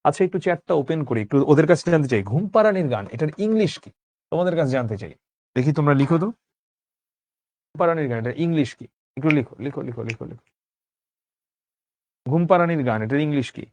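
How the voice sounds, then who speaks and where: A man's voice: fairly high pitch, expressive, fast talker, a little mellow. A man teaching an online class, explaining a text line by line and asking his students questions.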